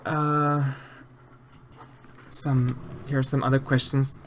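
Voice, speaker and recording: An Austrian man with an Austrian German accent chats with his live-stream viewers while sculpting, answering their messages softly and hesitantly, with lots of fillers and false starts. His voice sits in the mid range with a level tone, and he speaks slowly. There's a faint hiss or hum in the recording.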